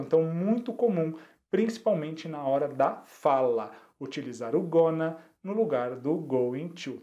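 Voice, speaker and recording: A Brazilian man teaching an online English lesson, repeating each example slowly and checking in with his students often. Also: a little high, mellow. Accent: Brazilian Portuguese.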